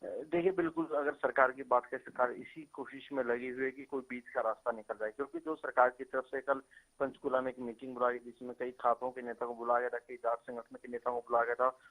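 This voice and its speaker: A male field reporter phoning in a news update, talking quickly and loosely from the scene. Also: medium pitch, level tone, a bit bright. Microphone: phone line. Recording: tinny phone line.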